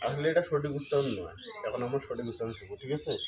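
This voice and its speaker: A man teaching Sanskrit pronunciation step by step, repeating syllables slowly and asking questions he then answers himself. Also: mid-range voice, expressive. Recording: crowd noise in background.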